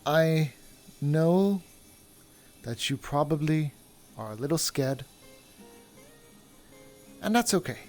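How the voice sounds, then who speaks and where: A man's voice: fairly high pitch, expressive, slow pace, pauses often, a little mellow, faint music behind. A man playing a humble wandering traveler who wants freedom, speaking in earnest, formal phrases. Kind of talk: in-character roleplay.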